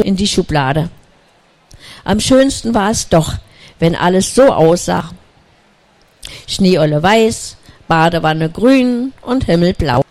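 A storyteller reading a children's story aloud in a calm, unhurried way, with small slips. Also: mid-range voice.

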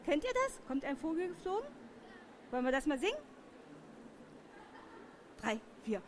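High-pitched lady reading a kids story real slow, asks the children stuff, faint room noise. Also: sing-song.

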